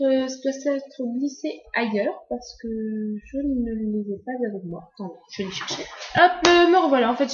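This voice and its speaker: Young woman, book vlogger, halting delivery, slightly high voice, roomy and muffled sound. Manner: hesitant, many fillers and restarts. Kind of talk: casual vlog chat.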